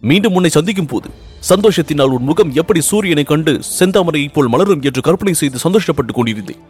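A man voicing an ardent young prince, pitched high. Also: expressive, quick pace, darkish tone, breathy edge, faint music behind. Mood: yearning. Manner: earnest, pleading, rising with emotion. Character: young Pandya prince, ardent and anxious lover.

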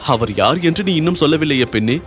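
A royal princess speaks in a measured, commanding way, stern and then gentle, as a man reading an audiobook puts her on. The voice is raised above his own pitch. Faint music runs underneath. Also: animated, close to an everyday voice. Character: dignified royal princess, stern yet compassionate.

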